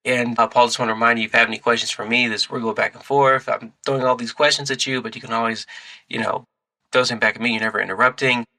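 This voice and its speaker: Gravelly, very bright-voiced male host. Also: medium pitch, steady tone, quick pace, rough recording. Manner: laid-back, laughs between questions. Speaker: podcast host. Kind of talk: casual chat.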